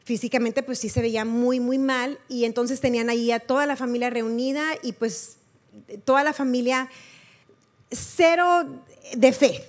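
Female preacher, high-pitched, earnest and chatty, repeats for emphasis. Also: steady tone, unhurried. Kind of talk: testimony sermon.

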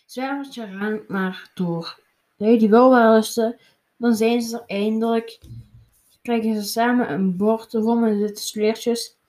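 A woman reading a children's picture book aloud, slowly and with small slips and restarts. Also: on the high side, steady tone, darkish tone, echoey room. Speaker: storybook reader.

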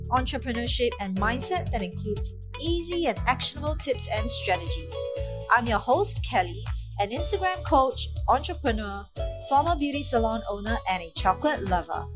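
A woman in her thirties from Malaysia, hosting her own podcast in an earnest, upbeat monologue that often strings thoughts together with "and so.". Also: on the high side. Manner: earnest, upbeat, with frequent "and so" and restarts. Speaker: podcast host.

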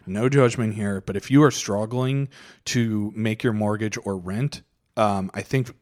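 Low-voiced man explaining on a podcast. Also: measured pace, darkish tone. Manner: explanatory, hesitant with fillers. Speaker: podcast co-host. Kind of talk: casual podcast chat.

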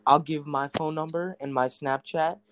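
A man's voice: fairly high pitch, steady tone, normal speed, a bit bright, dry recording. A teenage boy hosting a casual podcast, rambling with many fillers and restarts. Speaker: podcast host.

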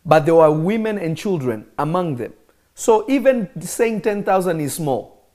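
A Kenyan man with a high, very animated, mellow voice preaches at a measured pace in a live-streamed sermon to online viewers. He is emphatic, driving his points home by repeating phrases for effect.

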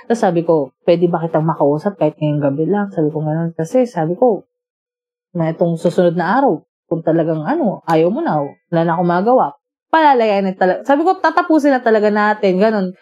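Woman, casual storyteller, animated and chatty, quotes the argument. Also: lowish voice, brisk, dull audio. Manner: animated, quotes both sides of a breakup argument, laughs often. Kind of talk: casual storytelling among friends.

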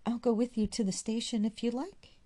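A woman's voice: on the high side, little pitch movement, a little fast, dark tone, voice pushed up, lightly acted. A woman voicing a melancholy young man who speaks mildly and regretfully. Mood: concerned.

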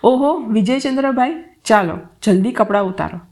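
A woman's voice: on the high side, expressive, normal speed, a little mellow. A woman voicing a rich, bossy and hot-tempered older merchant who barks orders and hurls insults. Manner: commanding, barking orders and insults.

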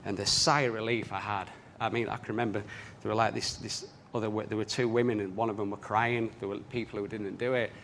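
Lowish man telling a story. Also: flat delivery, quick pace, hardly any pauses, a bit bright, a little hiss or hum. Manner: earnest storytelling. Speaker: speaker. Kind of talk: personal story talk.

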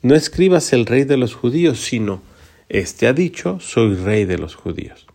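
A man's voice: medium pitch, big pitch swings, moderate pace, mellow. A man reading as an insistent accusing crowd. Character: accusing crowd of priests and people.

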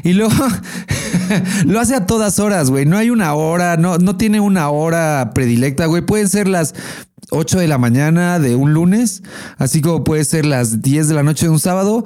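A man's voice: a little high, lively intonation, normal speed, a little mellow. A young Mexican man co-hosting a podcast, swearing freely and telling stories with animation. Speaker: podcast co-host. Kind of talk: casual crude chat.

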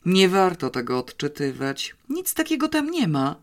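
An audiobook narrator voicing a quick-witted, confident schoolgirl who talks eagerly. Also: mid-range voice, huge pitch swings, voice pushed up. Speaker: child character in an audiobook. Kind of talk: audiobook character reading.

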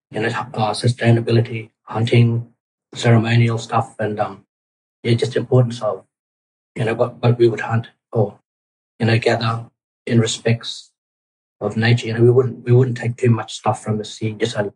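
A middle-aged man, a cultural guide answering interview questions in a halting way, with many pauses and restarts. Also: medium pitch, darkish tone, slight background noise, low-quality recording. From Australia, Torres Strait Islands.

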